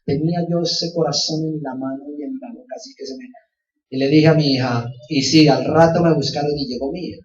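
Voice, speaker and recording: A man's voice: fairly high pitch, steady tone, fairly quick, a little mellow. A man preaching as a pastor, telling a personal testimony with passion and often calling out to his listeners. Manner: impassioned, repeats phrases and keeps calling out to his listeners. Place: church. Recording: roomy, distant and dull church recording.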